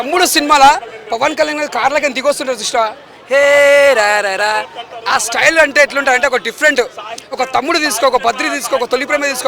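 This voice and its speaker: A man giving an excited street review of a film after a screening, talking fast and emphatically. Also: extremely high pitch. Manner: fast, emphatic, repeats the star's full title. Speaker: moviegoer giving a public review. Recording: outdoor crowd noise behind.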